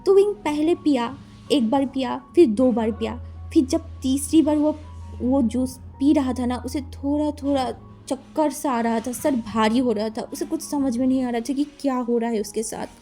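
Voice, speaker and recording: A woman's voice: high voice, normal speed, mellow, faint music behind. A woman casually retelling a romantic fan-fiction story, chatty and mixing English words into her speech.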